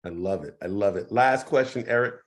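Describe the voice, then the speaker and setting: A man with a hoarse, partly lost voice, hosting a casual interview in an encouraging, appreciative way. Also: lowish voice, a little fast. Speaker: host.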